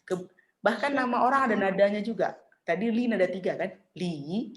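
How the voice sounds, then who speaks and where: Using a mid-range voice, a middle-aged woman patiently teaches Mandarin online, chatting as she voices the tones slowly for the class to echo.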